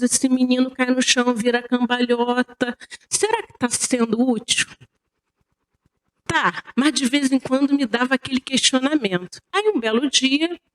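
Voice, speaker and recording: Speaking in a lecture hall, a woman from Brazil gives a spiritist talk full of stories, her high-pitched delivery animated and chatty.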